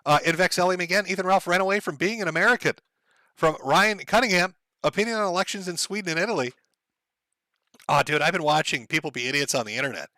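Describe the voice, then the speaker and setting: A man hosting a livestream, reading viewer donations out loud and telling stories in a casual, profane way, often laughing. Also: high voice, fast, dry recording. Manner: profane, laughing, rambling storyteller.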